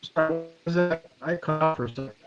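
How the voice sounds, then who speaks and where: A man's voice: fairly high pitch, fast talker, over music. A man, the product designer, calling in remotely over a tinny, breaking-up video call connection, talking briefly and checking whether he can be heard. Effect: tinny, breaking-up video call audio.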